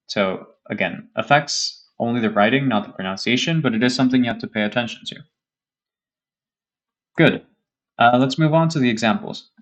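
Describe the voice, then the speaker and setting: A man's voice: medium pitch, dull audio. A man teaching a beginner English grammar lesson, explaining patiently and often checking in with "okay?" and "right?".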